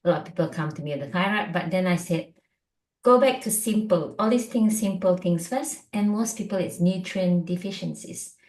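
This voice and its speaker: Middle-aged Malaysian-born woman, low voice, chatty guest doctor, roomy sound. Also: normal speed, darkish tone. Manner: chatty, lots of fillers and likes. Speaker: functional medicine doctor, guest. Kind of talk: casual interview chat.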